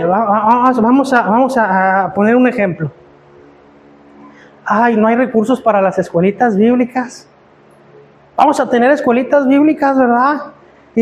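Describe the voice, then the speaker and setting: A man's voice: very high voice, slight background noise. A man, preaching a sermon as pastor, asking his listeners rhetorical questions and often stumbling over repeated words.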